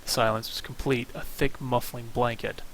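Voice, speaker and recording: A man's voice: medium pitch, steady tone, moderate pace, fairly bright tone, slight background noise, low-quality recording. A man streaming, reading a game's story aloud with wry asides. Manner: wry asides between narration. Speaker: streamer reading a visual novel. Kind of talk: reading aloud with casual commentary.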